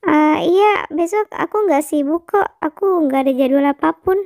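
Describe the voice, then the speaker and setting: A woman voicing an emotional, lovestruck young woman who is chatty, sulky and quick to fret, in a fan-dubbed game drama. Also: high-pitched, a little mellow. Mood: soft.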